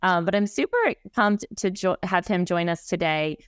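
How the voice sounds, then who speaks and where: A woman's voice: lowish voice, fairly even intonation, moderate pace, smooth, no room sound, clean studio sound. A woman hosting a podcast, upbeat and enthusiastic, with many fillers. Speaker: podcast host. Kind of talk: interview hosting.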